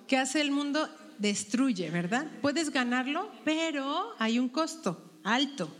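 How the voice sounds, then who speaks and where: A woman's voice: high-pitched, animated, slow pace. A woman teaching a women's Bible study group, asking questions and checking their answers. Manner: asks the group questions and tags them with "¿verdad?". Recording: long hall reverb.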